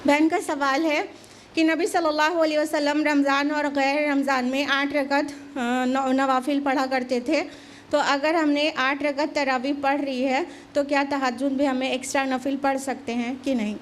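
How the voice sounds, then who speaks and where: A woman scholar calmly answering religious questions in a Q&A talk, mixing in English terms. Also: sits high, normal speed, a little hiss or hum. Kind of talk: religious Q&A explanation.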